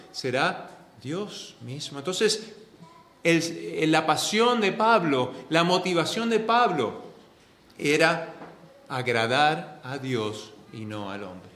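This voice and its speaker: A man from preaching a sermon as pastor, earnest and repetitive, swinging between loud stressed phrases and soft, low asides. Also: slight background noise. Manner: earnest, repeats key phrases for emphasis. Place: church sanctuary. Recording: echoey church hall.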